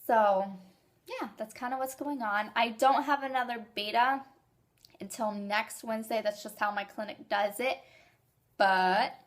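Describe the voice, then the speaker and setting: A young woman talking casually to her viewers in a rambling, excited and emotional way, with hiccups. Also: a little high, unhurried. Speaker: vlogger sharing fertility journey. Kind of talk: casual vlog.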